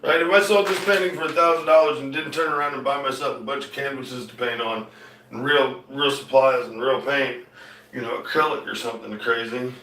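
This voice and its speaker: A man with a light Southern accent speaks a little fast in a medium-pitched, steady, sharp voice, sitting far from the mic. He's chatting casually to viewers during his music and painting show, trailing off and restarting, with guitar music in an echoey room.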